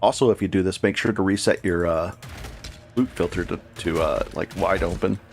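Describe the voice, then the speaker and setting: With a gravelly, low-sitting voice at normal speed, this man chats casually with viewers during live gameplay over slight background noise. He rambles and keeps correcting himself.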